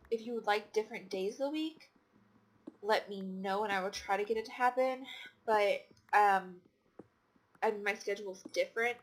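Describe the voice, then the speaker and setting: A tired woman casually commenting on her game play, rambling with many fillers and restarts. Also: medium pitch. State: tired, yawning. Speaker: gaming channel host.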